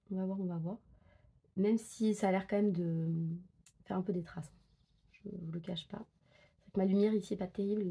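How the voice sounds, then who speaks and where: A woman talks casually as she colors, testing pencils and thinking aloud. Her voice is husky and slightly breathy, with a gravelly fry, and her speech is full of fillers and self-corrections. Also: mid-range voice, dark tone. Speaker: coloring book vlogger. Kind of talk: casual chat while coloring.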